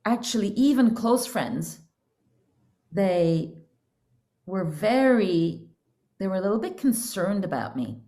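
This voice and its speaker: A woman's voice: medium pitch, big pitch swings, slow, long pauses, warm tone. A middle-aged woman from Norway, a counselor and coach, talks as a podcast guest in an earnest, reflective way about her inner journey. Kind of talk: casual interview talk.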